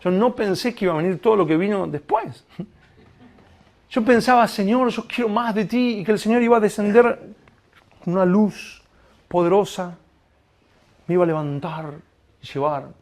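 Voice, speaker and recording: A male preacher with a high-pitched voice and a gravelly edge. He delivers his sermon in an animated way, slipping into quoted prayers and little dialogues as he goes. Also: moderate pace, pauses often.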